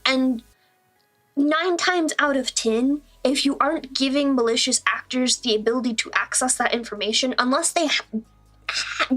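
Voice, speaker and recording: A young woman streamer and digital artist from the American Midwest chats casually on a livestream, rambling a bit, teasing herself and laughing often. Her accent is mostly neutral American with traces of Southern-Midwestern, and her voice sits high and a bit bright on a rough recording.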